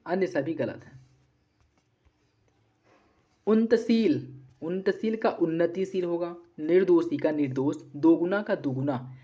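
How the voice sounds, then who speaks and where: A teacher giving an exam-prep grammar lesson, running quickly through corrections in a set drilling pattern. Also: medium pitch, warm tone. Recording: dull lo-fi recording.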